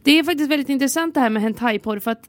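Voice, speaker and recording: A woman's voice: high-pitched, no room sound. Woman, blunt teasing podcast co-host, dry close mic. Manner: teasing, blunt, swears freely. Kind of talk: casual chat.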